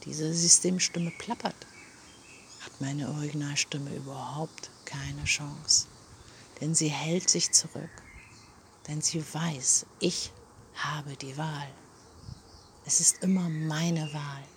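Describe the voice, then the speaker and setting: A woman speaking in a personal, reflective monologue, often dropping into a soft half-whisper and talking straight to the listener. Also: sits low, steady tone, slow, a little hiss or hum. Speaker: self-help speaker.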